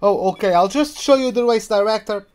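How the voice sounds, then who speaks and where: A man's voice: high voice, fairly quick, smooth. A man giving casual live commentary as they play a racing video game. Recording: loud engine noise behind voice. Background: racing game car engines.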